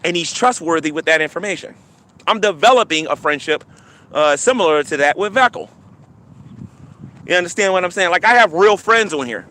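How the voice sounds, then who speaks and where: A man's voice: sits high, expressive, a little fast, pushed and bright. A man ranting on a livestream, taunting and defiant, stammering and repeating himself, breaking into mocking laughter. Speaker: YouTube livestreamer.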